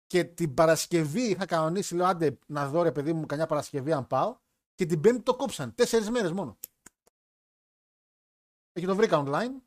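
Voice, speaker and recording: A man's voice: on the high side, long pauses. A man hosting a live wrestling chat stream, talking in a joking, rambling way. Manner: chatty, joking, rambling with restarts. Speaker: wrestling podcast host.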